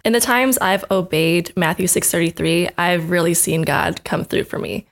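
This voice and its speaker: A young woman in her twenties shares a personal story in a relaxed faith conversation. She is an animated storyteller who laughs often and acts out what people said. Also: on the low side, moderate pace. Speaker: guest sharing testimony. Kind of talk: casual faith chat.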